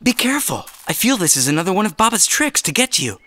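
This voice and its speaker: A woman voicing a calm, cautious woodland sprite in a children's cartoon, in a measured, advising manner. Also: medium pitch. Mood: cautioning.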